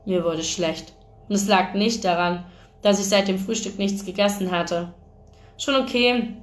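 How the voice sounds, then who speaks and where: A woman reading a first-person novel aloud in a calm, measured way. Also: medium pitch, faint music behind. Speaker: audiobook reader. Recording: roomy echo.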